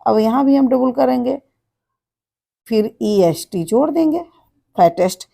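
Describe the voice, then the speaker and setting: A woman teacher walks through grammar rules at an unhurried pace, spelling each word out letter by letter and saying it again. Her voice sits a little high and carries a gravelly edge. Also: expressive, dark tone. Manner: slow, spells words letter by letter and repeats them. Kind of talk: board lesson, explaining step by step.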